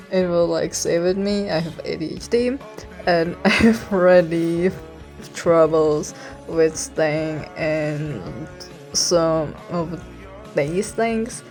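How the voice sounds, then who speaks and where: Hushed young Czech-accented woman, slow and self-conscious. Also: lowish voice. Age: young adult. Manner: awkward, self-conscious, giggly, apologetic; keeping voice hushed so as not to be heard in the house. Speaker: online video creator. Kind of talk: casual rambling vlog chat.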